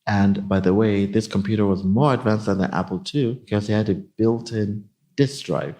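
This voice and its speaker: Man, 50s, from Nigeria, executive guest, low voice, measured. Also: fairly even intonation, mellow. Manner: measured, explanatory. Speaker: guest, company CIO. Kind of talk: casual interview.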